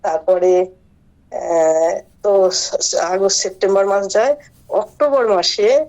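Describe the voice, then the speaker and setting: A middle-aged woman giving a halting, earnest personal account as a devotee over a video call. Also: mid-range voice, darkish tone. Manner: halting, earnest storytelling with pauses. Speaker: devotee sharing her experience. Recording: muffled online call audio.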